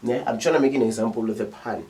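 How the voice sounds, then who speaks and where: A young man with a South African accent talks through a lesson casually, keeping listeners engaged with quick check-in questions. His voice sits at a middle pitch and sounds slightly distant from the microphone. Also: mellow. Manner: chatty, checks in often with rhetorical questions. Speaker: teacher.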